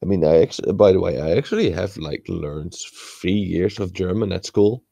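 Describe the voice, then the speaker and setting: Low gravelly young guy, umming through casual chat, dry sound. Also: lively intonation, normal speed, mellow, dry recording. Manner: hesitant, many fillers and restarts.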